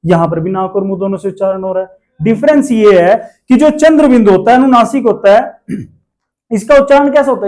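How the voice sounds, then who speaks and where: A man's voice: high voice, darkish tone. A man teaching a class, asking questions and repeating the answers himself. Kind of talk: classroom lesson.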